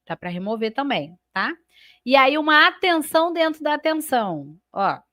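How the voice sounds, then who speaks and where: A Brazilian woman with a fairly high voice teaches a live grammar class, and the recording is dry and close. She walks through each example step by step, drawing out the key terms and checking in with her viewers all the time. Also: big pitch swings, moderate pace, fairly bright tone, dry recording. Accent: Brazilian Portuguese. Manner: explains step by step with frequent checks like "né?" and "tá?"; stretches and stresses key words while labeling sentence parts.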